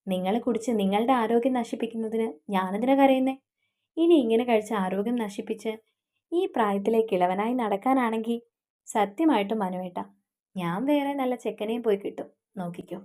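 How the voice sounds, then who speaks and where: A woman's voice: fairly high pitch, fairly quick, warm tone, natural voice. A woman voicing a teasing, stubborn young woman who scolds her fiancé.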